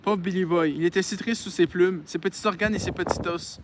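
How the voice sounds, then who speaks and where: A man reads a novel aloud in an easygoing, unpolished way, tripping on words and cutting in with sarcastic, foul-mouthed comments. His voice sits high for a man. He is outdoors, with a faint hum of outdoor ambience behind him. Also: steady tone, a little fast. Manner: reads with stumbles and sarcastic, swearing asides. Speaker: audiobook reader. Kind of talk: casual audiobook reading with asides. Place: outdoors in the wind.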